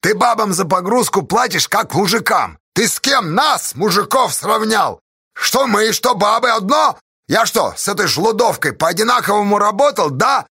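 A man voicing a loud, indignant bearded barge hauler who shouts and stirs up a crowd in an audiobook. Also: high voice, expressive, moderate pace, hardly any pauses, pitched above the performer's own voice, heavily acted. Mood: indignant shouting. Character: shrill rabble-rousing bearded male barge hauler. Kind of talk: audiobook character voice.

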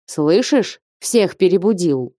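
A woman voicing a sober, practical male merchant who asks calm questions. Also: fairly low pitch, takes it slowly, no room sound, studio quality.

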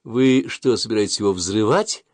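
A man voicing an anxious, scolding mother in an audiobook, pressing and shrill. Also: moderate pace, no echo, close to an everyday voice. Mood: worried scolding. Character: anxious, scolding mother, middle-aged woman. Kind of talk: audiobook character reading.

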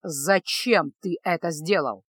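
A proud young mage, voiced by a woman in an audiobook, cold and demanding. He speaks in slow, clipped phrases, a little lower than the reader's own voice. The sound is dry and close. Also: breathy edge, dry recording.

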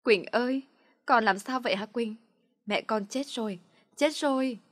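A woman's voice: fairly high pitch, measured pace, lightly acted. A woman voicing a grieving aunt who pleads tearfully with her niece in a spoken story. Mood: pleading.

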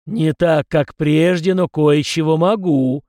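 A man voicing an ancient male ancestor spirit, a disembodied voice that speaks in slow, weighty pronouncements. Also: a little high, darkish tone, dry recording, studio quality. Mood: solemn.

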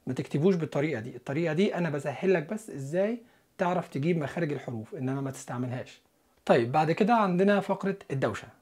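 A man's voice: on the high side, expressive, a little mellow, husky. Egyptian man teaching English listening. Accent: Egyptian Arabic. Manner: explanatory, slows down for English example sentences. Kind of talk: scripted lesson narration.

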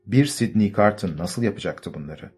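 Low-voiced male audiobook narrator. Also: lively intonation, a little mellow, breathy edge. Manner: measured storytelling. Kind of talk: scripted narration. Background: faint music.

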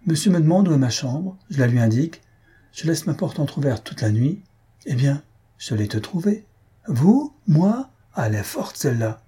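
A man's voice: mid-range voice, animated, a little fast, breathy edge, voice pushed up. A man doing a curt young housemaid. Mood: indignant. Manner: sharp, indignant.

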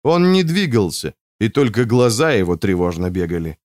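A man narrating a novel as an audiobook, with an expressive reading. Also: fairly low pitch, normal speed, dry recording, studio quality.

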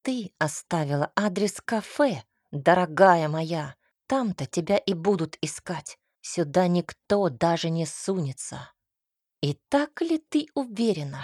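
A woman's voice: lowish voice, a little mellow, slightly rough, no room sound, studio quality. A woman voicing a menacing, obsessive young man in an audiobook, speaking in a sugary, venomous, threatening tone. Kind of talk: audiobook character reading.

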